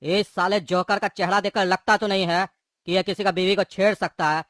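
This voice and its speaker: A man's voice: sits high, fairly even intonation, a little fast, a bit bright, no echo, clean studio sound. A voice actor playing a hot-tempered male gangster in a cartoon, taunting and threatening. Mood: mocking. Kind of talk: cartoon voice acting.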